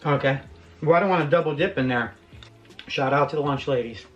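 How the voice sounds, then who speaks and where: A woman with a very low voice drops into a mukbang and teases the host. She talks while chewing, and faint music plays behind her. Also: a little fast, lo-fi sound. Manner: teasing, talks with her mouth full. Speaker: guest at a mukbang. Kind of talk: casual eating chat.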